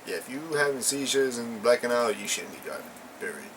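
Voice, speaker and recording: A slangy young man from a Puerto Rican and Ecuadorian family co-hosts a casual chat, rambling through stories with plenty of fillers. His medium-pitched voice is expressive and fairly quick, and the recording is noisy.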